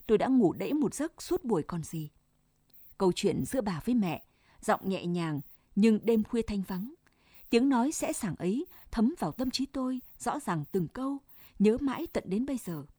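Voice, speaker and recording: A woman reading a first-person story aloud in a gentle, measured way. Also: medium pitch, breathy edge, no room sound, studio quality.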